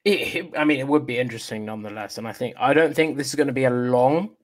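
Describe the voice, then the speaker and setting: A man hosting a wrestling news show in a casual, chatty style, often halting and restarting his sentences. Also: mid-range voice.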